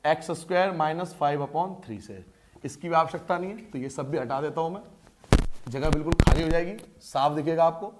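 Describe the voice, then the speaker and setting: A man with a fairly high voice walks students through a maths problem on the board. He talks in a lively, coaxing way, firing off questions and answering them himself as he works through each step. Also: a little fast, a little hiss or hum. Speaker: maths teacher. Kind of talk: board lesson.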